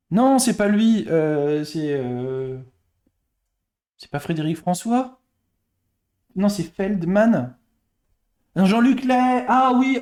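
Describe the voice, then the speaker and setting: A man's voice: high-pitched, warm tone. A man hosting a live stream, chatting casually with viewers and thinking aloud while he plays quiz games. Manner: chatty, greets and thanks viewers, thinks aloud over answers.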